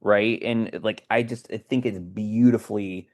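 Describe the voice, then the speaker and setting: A man's voice: lowish voice, steady tone, measured pace, darkish tone. A man hosting a podcast discussion, talking earnestly and often checking in with "right?". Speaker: podcast host. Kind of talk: casual discussion.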